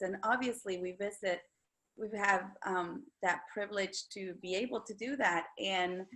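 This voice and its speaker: A woman's voice: mid-range voice, fairly bright tone. A woman from El Salvador, an author and guest, answering interview questions casually and thoughtfully. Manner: thoughtful, with frequent fillers and restarts.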